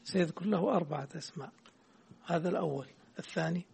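A man's voice: fairly high pitch, fast talker, gravelly, darkish tone, slightly rough. A man teaching a hadith text in class, quizzing his student and correcting the readings.

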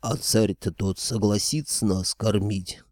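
A man voicing a big, lazy, good-natured three-headed male dragon with a low, rumbling, drawling voice. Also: fairly even intonation, measured pace, a little mellow, no echo, studio quality, natural voice. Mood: doubtful.

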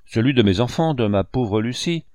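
A man's voice: medium pitch, lively intonation, moderate pace, a little mellow, no room sound, studio quality, close to an everyday voice. A man reading the lines of a desperate older male banker in an audiobook, pleading and outraged. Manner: agitated, imploring.

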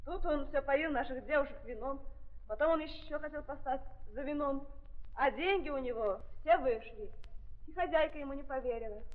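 In a 1930s stage-style radio performance, an actress plays a weary, frightened young woman on trial. Her high voice moves at a moderate pace with light acting, subdued as she recounts events in plain, simple speech and repeats insistent denials. The old archive recording sounds tinny and narrow-band.

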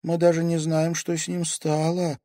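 A man's voice: on the high side, monotone, moderate pace, mellow, no echo, clean studio sound, pitched above the performer's own voice, natural voice. Man doing an anxious, emotional teen girl. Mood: worried. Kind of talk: audiobook character voice.

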